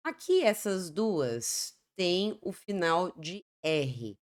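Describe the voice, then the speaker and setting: A low-voiced woman with a Brazilian Portuguese accent teaches English. She explains point by point and slowly repeats each example word. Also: big pitch swings. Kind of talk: Portuguese-language English lesson.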